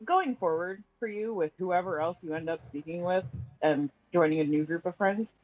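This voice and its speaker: A woman on a group voice call speaks bluntly and coldly. Her voice sits a bit low, and the audio is dry and dull. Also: normal speed, darkish tone, dry recording. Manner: blunt, cold.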